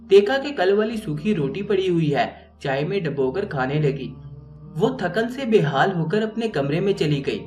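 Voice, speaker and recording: A man's voice: sits high, expressive, unhurried, darkish tone. Earnest man narrating a moral story. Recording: roomy, distant mic, faint music.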